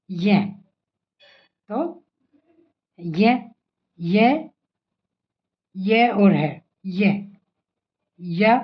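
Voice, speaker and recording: A woman teacher giving a classroom lesson, asking questions and answering them herself, repeating each point. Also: mid-range voice. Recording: dull lo-fi sound.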